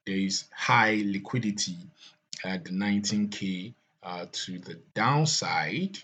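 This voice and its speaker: A man talking through market charts, repeating words often and filling pauses with "uh". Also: sits low, breathy edge. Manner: repeats words, many fillers and restarts. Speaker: crypto market analyst. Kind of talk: chart analysis talk.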